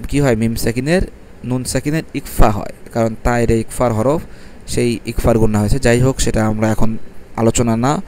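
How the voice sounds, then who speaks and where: A man teaches Quran reading step by step. He spells out letters one by one, stretches the syllables slowly, and asks questions that he answers himself. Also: medium pitch, a little mellow, a little hiss or hum. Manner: asks questions and answers them himself, repeats each rule. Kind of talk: step-by-step recitation lesson.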